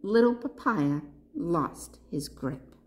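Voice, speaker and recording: A woman librarian reading a picture book aloud to children in an expressive way, pausing to ask her listeners questions. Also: fairly low pitch.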